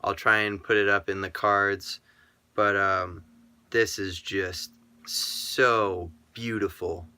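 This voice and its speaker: A man casually chatting through his sports card collection in a relaxed, rambling way, full of ums and uhs. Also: lowish voice, slow pace, smooth, dry recording. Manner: talks to himself aloud. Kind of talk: casual vlog chat.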